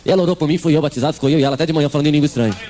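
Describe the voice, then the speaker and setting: A man's voice: a little high, rapid-fire, noisy background. A man with a Brazilian Portuguese accent preaching a comic testimony sermon, acting out the voices in his story. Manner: animated storytelling, acts out voices.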